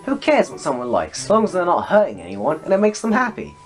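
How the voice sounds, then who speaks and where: A man's voice: sits high, huge pitch swings, fast, soft background music. Sassy teenage schoolgirl, teasing, bouncy intonation, voiced by a man. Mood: earnest. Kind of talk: let's play character reading.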